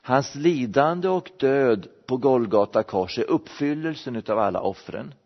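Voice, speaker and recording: A man's voice: mid-range voice, lively intonation. A man giving an explanatory Bible-teaching sermon, restarting phrases as he thinks. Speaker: preacher. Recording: dull recording in a reverberant hall.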